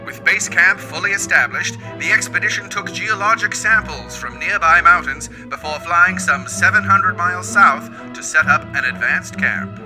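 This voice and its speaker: High-voiced man narrating an old newsreel. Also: normal speed, few pauses, poor audio. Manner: formal, declamatory announcer delivery. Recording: narration over clear music.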